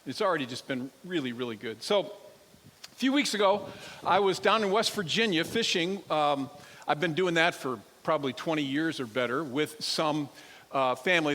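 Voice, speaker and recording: Storytelling male pastor in a reverberant church. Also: a little high. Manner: storytelling, animated, addresses the crowd directly. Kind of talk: sermon. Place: church sanctuary. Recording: long hall reverb.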